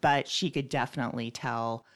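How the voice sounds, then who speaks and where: A woman with a strikingly low voice recounts a family story on a podcast. She talks casually and unhurriedly, with a dry, wry humor. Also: fairly even intonation, moderate pace. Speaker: podcast co-host.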